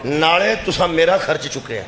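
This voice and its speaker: A male preacher with a Punjabi accent giving a majlis sermon over a loudspeaker, swinging between fervent shouting and low confiding asides, often putting questions to the crowd. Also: lively intonation, roomy sound. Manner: addresses the crowd directly with rhetorical questions. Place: religious gathering with loudspeaker. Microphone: loudspeaker microphone.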